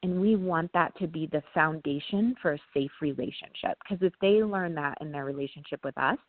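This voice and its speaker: A woman guest speaking as a parenting trainer, explaining casually, often pausing on "um" and checking in with "right?". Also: sits low, dry recording. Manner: talks through ideas with frequent "um" and tag "right?". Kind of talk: casual explanatory interview talk. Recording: tinny phone-like line, dry.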